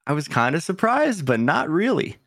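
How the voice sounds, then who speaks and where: A man's voice: on the high side, sing-song, moderate pace, vocal fry, fairly bright tone, no echo, clean studio sound. Laid-back man chatting on a podcast. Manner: laughs often, swears casually. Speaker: podcast co-host. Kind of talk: casual chat.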